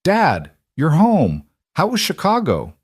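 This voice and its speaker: A man voicing an eager young boy who is excited to tell his father about school. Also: mid-range voice, moderate pace, no room sound, studio quality, pitched above the performer's own voice, lightly acted.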